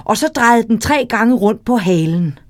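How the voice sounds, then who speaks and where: A woman reads a children's tale aloud in a slightly high voice, lively and speaking to the listener. The sound is close and dry, with no room around it. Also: no echo. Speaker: storyteller. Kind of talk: reading a children's story aloud.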